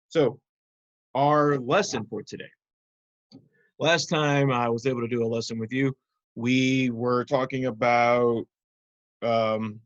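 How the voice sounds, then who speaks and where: A man's voice: mid-range voice, no room sound. Guy teacher talking to little kids, simple steps and questions, close dry sound, bit muffled. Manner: instructive, simple phrases with check-in questions. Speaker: teacher of young children. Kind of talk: simple interactive children's lesson.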